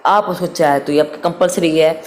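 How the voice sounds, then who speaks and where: A man's voice: fairly high pitch, steady tone, brisk. A man teaching a grammar lesson online, patient and repetitive, sounding words out again and again. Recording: echoey room with faint noise.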